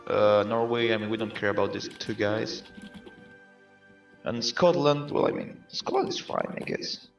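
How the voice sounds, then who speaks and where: A man's voice: on the low side, normal speed, creaky. A man chatting casually as a player in a game, recorded in an echoey room some way from the mic. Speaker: fellow player. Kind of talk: casual gaming chat. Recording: echoey room, distant mic, music behind.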